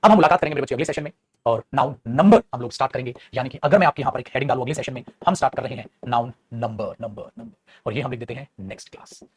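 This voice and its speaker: Quick, playful grammar teacher. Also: male voice, mid-range voice, slightly rough, no echo. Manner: lively, playful, addresses students as beta and guruji, acts out student voices. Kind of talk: online grammar lesson.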